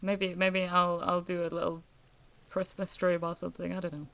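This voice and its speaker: A woman's voice: fairly low pitch, flat delivery, normal speed, a bit bright. Chatty young British woman streamer. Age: young adult. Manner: chatty, reads player lines aloud, hesitant with fillers. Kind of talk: casual game stream chat.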